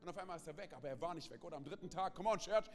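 A pastor preaching an emphatic sermon at a church service, breaking in often with quick asides to the congregation. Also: male voice, on the high side, in a large hall, noisy background. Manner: emphatic, with frequent "hey" and "ganz kurz" interjections.

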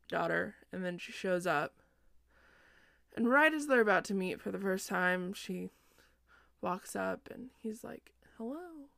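A young woman recapping a story in a loose, chatty way, swearing freely and slipping into quick character voices. Her voice has a gravelly, fry-laden texture, and the sound is close and dry with no room around it. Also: medium pitch, a bit bright, dry recording. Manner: chatty, profane, acts out quoted characters.

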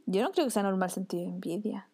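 A woman's voice: mid-range voice, animated, a little fast, dark tone, breathy edge. A young Chilean woman in a casual chat, arguing her opinion and acting out quoted voices.

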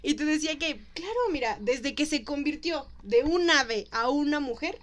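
A woman with a Mexican accent casually retelling a story to a co-host, animated and laughing often. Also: high voice, moderate pace. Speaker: podcast co-host.

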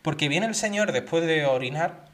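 A man's voice: on the high side, moderate pace. A man co-hosting a podcast, telling a story in casual chat and acting out the voices of the people in it. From Spain. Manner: animated, acts out quoted voices. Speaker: podcast co-host.

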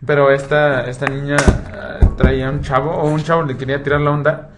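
A man's voice: fairly high pitch, level tone, brisk, over music. A young adult man with a Mexican accent telling a long, profane, slang-filled story in casual chat. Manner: slangy, profane, says "güey" constantly.

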